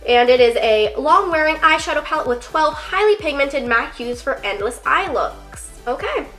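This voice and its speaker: This young beauty vlogger's voice is high, bright and forceful, with lively intonation and a moderate pace, and faint music runs behind it. Congested from a cold, she chats loosely through a makeup tutorial, filling it with fillers and the odd offhand swear word.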